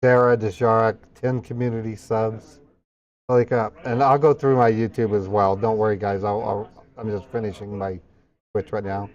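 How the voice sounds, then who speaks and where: A man's voice: on the low side, steady tone, normal speed. Lo-fi male streamer reading out subathon hype. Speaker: livestream host. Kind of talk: subathon hype, rapidly reading out donations and thanking viewers.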